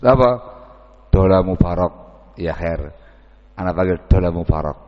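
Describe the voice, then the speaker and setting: A man's voice: low-pitched, moderate pace. Man preaching in an echoey hall. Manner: folksy storytelling, acts out village dialogues. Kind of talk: dawn sermon. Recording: echoey hall, dull lo-fi sound.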